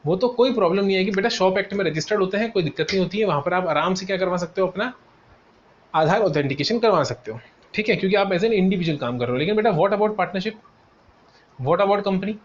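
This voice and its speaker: A man's voice: high voice, expressive, fairly quick. A male tutor giving a classroom lecture. He calls students "beta", answers his own questions in a student's voice, and repeats key terms. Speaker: CA exam tutor. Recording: dull lo-fi sound with faint noise.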